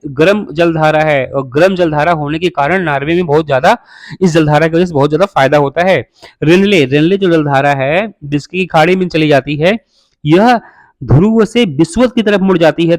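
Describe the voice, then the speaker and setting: A man teaching a geography lesson from a map in a fairly high voice, asking his students a question and then answering it himself. He runs through every item by number over and over and calls the listeners brother. The close mic sounds dry, with no room echo. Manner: repetitive, drills names by number.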